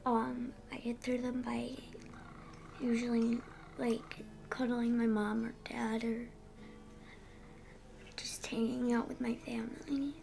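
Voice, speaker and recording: Gravelly, slow-talking young teenage girl. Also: a little high, flat delivery, a little mellow, a little hiss or hum. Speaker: interviewee, young patient. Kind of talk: personal interview, candid storytelling.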